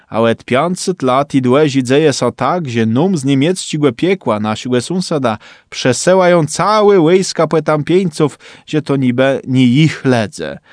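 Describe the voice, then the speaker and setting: A man with a Kashubian accent reading a folk tale aloud at an even, unhurried pace. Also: mid-range voice, dry recording, studio quality. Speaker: storyteller.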